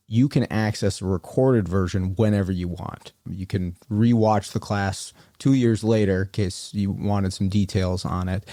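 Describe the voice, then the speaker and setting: A man hosting a podcast, reading sponsor spots and chatting with a guest in a relaxed, conversational way. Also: on the low side, dry recording, studio quality. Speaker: podcast host. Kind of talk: casual podcast interview.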